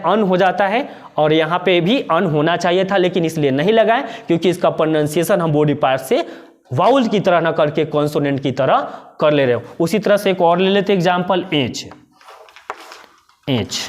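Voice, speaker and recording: A man teaching an English grammar lesson, explaining step by step and answering his own questions. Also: high-pitched. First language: Hindi.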